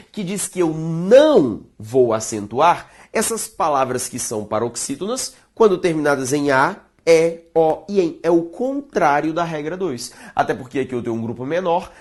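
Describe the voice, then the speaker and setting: A woman with a Brazilian Portuguese accent teaching a grammar lesson, stressing key words slowly and speaking straight to her viewers. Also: low voice, darkish tone, slightly rough. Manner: emphatic, drawn-out stressed words, addresses viewers directly.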